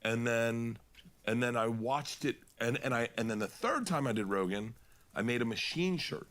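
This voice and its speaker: A comedian telling stories in casual podcast chat, rambling and animated, laughing and swearing as he goes. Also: mid-range voice, moderate pace. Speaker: comedian guest.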